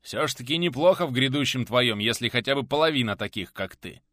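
A man's voice: mid-range voice, expressive, brisk, no room sound, clean studio sound, lightly acted. A man voicing a brash bearded young warrior who barks his lines. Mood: rueful. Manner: loud barking retorts.

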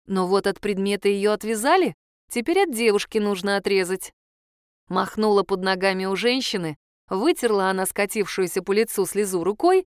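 A woman's voice: medium pitch, smooth, no echo, clean studio sound. A woman narrating a story in the first person as an audiobook, in a wry, conversational manner.

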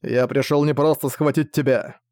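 A man's voice: mid-range voice, fairly even intonation, moderate pace, a little mellow, no echo, clean studio sound, natural voice. Man playing a resolute young prince. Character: determined young prince fighting his brother.

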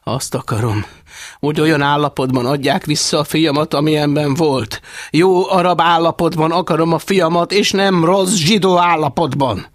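A man's voice: on the high side, no echo, pitched above the performer's own voice, close to an everyday voice. A man reading an audiobook, playing a distraught, indignant middle-aged father who whines and bellows. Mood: bellowing. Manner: whining, then bellowing. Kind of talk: audiobook character voice.

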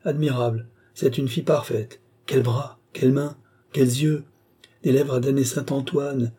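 A man's voice: mid-range voice, fairly even intonation, unhurried, dark tone, slightly rough. A man voicing a flippant, scheming young nobleman in an audiobook. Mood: glib. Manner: glib, ironic.

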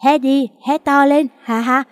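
A woman's voice: high-pitched, fairly even intonation, a little slow, clean studio sound, pitched above the performer's own voice. A woman voicing a young male street thug who jeers and threatens. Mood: jeering. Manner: jeering, threatening. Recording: long reverb.

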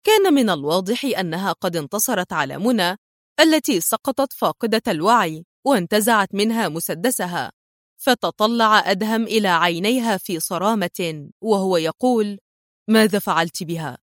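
A woman reads a spy thriller aloud in a steady, expressive voice at a middle pitch. The recording is dry and close, with no room sound. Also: normal speed, no room sound. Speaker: audiobook narrator. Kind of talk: dramatic audiobook narration.

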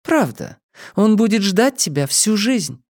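A man reading a book aloud, voicing a tender, calm mother in a soft, soothing voice. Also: medium pitch, unhurried, no echo, clean studio sound, pitched above the performer's own voice. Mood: gentle. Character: tender middle-aged mother, gentle and calm.

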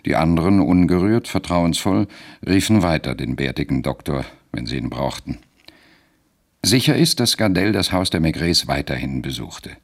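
Very deep-voiced male radio narrator. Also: animated, gravelly, husky. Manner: measured, deliberate storytelling. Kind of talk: scripted radio drama narration.

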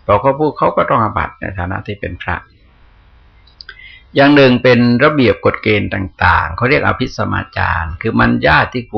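Gravelly, husky Buddhist monk giving a talk. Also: male voice, on the low side. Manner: conversational, poses rhetorical questions and answers them. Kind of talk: dharma talk sermon. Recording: dull lo-fi recording.

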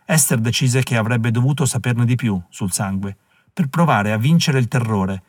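A man reading an audiobook in a measured, even scripted narration, recorded on a close mic. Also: medium pitch, no room sound.

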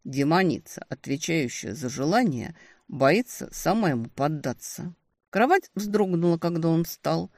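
A woman narrating a fantasy audiobook in the first person, in a steady storytelling manner. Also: deep voice, unhurried, no echo, clean studio sound.

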